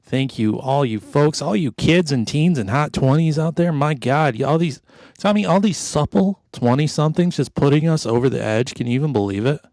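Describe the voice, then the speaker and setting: A man's voice: on the high side, moderate pace, a little mellow, no room sound. A middle-aged man hosting an improv comedy podcast, rambling along in a jokey, mock-sentimental way. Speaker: podcast host.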